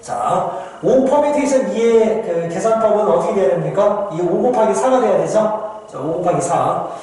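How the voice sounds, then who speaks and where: A man's voice: sits high, expressive, normal speed, warm tone. A man teaching a recorded math lecture, explaining step by step with patient repetition, speaking to his students and answering his own questions. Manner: explains patiently, keeps saying "ja" and addressing students; asks questions and answers them himself. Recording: echoey room with long reverb.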